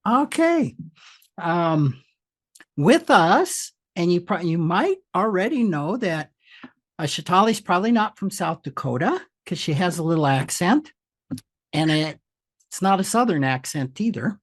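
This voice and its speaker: A man's voice: high voice, big pitch swings, unhurried. An older man hosting a podcast interview, talking loosely with many fillers and restarts. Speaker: podcast host.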